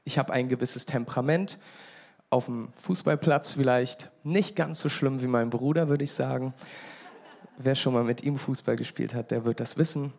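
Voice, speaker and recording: A man's voice: mid-range voice, steady tone, normal speed, vocal fry, a little mellow. A pastor in his thirties from England giving a conversational sermon, joking with the congregation now and then. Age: 30s.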